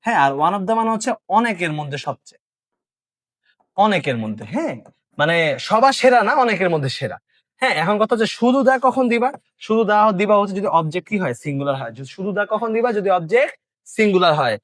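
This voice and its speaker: Male tutor, high-pitched and quick, drills students with his own Q&A. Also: very animated, fairly bright tone. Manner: quizzing, answers his own questions; casual, addresses students directly. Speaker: English teacher. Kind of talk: exam-prep grammar lesson.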